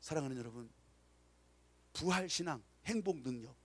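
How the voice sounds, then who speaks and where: A man's voice: mid-range voice, expressive, normal speed. A male pastor preaching a sermon with dramatic storytelling, acting out the people in his stories and calling for amens. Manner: dramatic storytelling, acts out quotes; emphatic, calls for amens.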